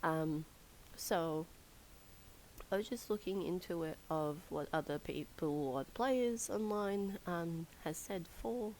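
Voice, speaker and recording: Hoarse, croaky woman chatting over gameplay. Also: fairly low pitch, slow, a little hiss or hum, poor audio. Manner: rambling and hesitant, many fillers and soft laughs. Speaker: gaming channel host. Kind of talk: casual voice-over commentary on a game build.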